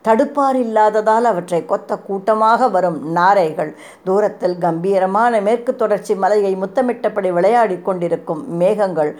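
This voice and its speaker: A woman reading a historical novel aloud in a measured, expressive storytelling voice. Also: mid-range voice. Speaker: narrator.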